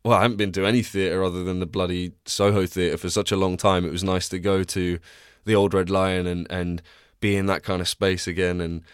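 A young man chats casually on his solo podcast, rambling with frequent restarts and sounding tired and congested, in a small, cramped home recording space. He talks a little fast in a deep, clean-toned voice with little pitch movement. The recording is dry, with clean studio sound.

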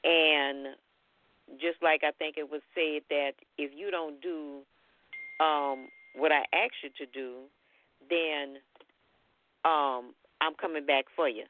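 A woman calling in to a talk show over a landline phone, giving measured, earnest opinions. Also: low voice, fairly even intonation, no echo. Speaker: caller. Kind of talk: call-in talk radio. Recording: tinny dry phone line.

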